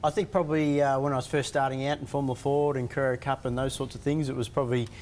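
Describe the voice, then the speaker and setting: A young man, a racing driver guest, answering in a relaxed, modest way with many fillers. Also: mid-range voice, fast talker, a little hiss or hum. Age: young adult. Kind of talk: television interview.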